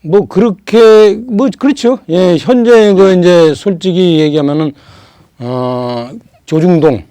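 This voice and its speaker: Emphatic older male guest, mellow voice. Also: high-pitched, clear, resonant tone, dry recording. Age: around 60. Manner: emphatic, asks rhetorical questions, drawn-out pauses. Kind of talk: political talk show conversation.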